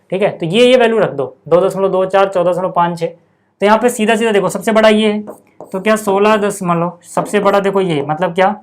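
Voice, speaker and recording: A man teaching a maths lesson at a board, chatty, often checking in with his students. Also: high-pitched. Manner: chatty, repeats 'theek hai' and 'yaar' to students.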